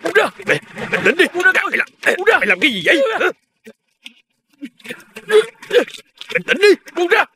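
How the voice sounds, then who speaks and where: An actor playing a hot-headed male gangster in a shouting, abrasive quarrel. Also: very high-pitched, big pitch swings, very fast, exaggerated voice. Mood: furious. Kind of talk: crime drama acting.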